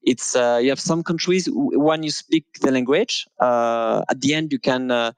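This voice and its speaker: A man with a French accent, a native French speaker, talking as an interview guest in casual conversation, hesitant with many pauses and restarts. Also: mid-range voice, smooth, dry recording, rough recording.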